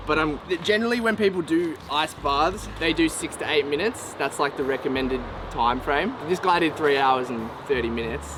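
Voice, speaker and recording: A man with a slightly high voice speaks to camera as he sits in painfully cold icy water. His delivery is blunt, sweary and self-mocking, like an unscripted challenge vlog. Clear outdoor noise sits behind him. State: sitting in ice cold water, in pain and discomfort. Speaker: vlogger doing endurance challenges and coaching. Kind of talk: candid talk to camera during a challenge. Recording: clearly noisy outdoor background.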